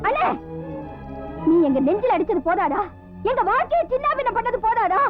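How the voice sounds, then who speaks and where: A woman's voice: extremely high pitch, big pitch swings, brisk. An actress playing a desperate young married sister, pleading tearfully with her elder brother in a film melodrama. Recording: dull lo-fi film soundtrack with music.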